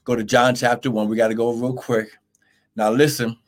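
In a live-streamed sermon, a man with a medium-pitched voice and little pitch movement preaches the Bible passionately at a moderate pace. Repetition and emphatic urging mark his delivery, and he lingers over scripture for effect.

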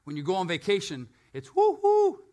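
High, bright-voiced preacher man. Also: expressive, unhurried. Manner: swings from loud and emphatic to quiet and low, joking asides. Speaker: pastor. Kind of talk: live sermon. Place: church with a live congregation.

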